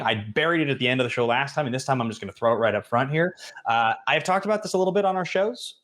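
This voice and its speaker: A man co-hosting a podcast, talking in casual chat with upbeat announcements. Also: mid-range voice. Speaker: podcast co-host.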